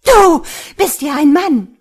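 Woman reader doing a raspy, domineering crone, low and husky, seductive menace. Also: steady tone, measured pace, dark tone, full character voice. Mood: shrieking rage. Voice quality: rough, husky voice. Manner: murmuring and seductive, turning to shrieks. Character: lustful, vengeful witch-like crone woman.

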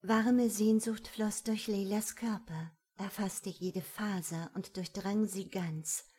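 A woman reading a romance audiobook in a calm, measured, intimate manner. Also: medium pitch, husky. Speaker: narrator. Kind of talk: scripted audiobook narration.

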